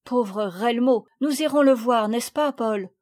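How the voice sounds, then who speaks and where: A woman's voice: fairly high pitch, takes it slowly, a little mellow. A woman voicing a small, tender-hearted boy close to tears, with a pleading, heartfelt manner. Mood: eager.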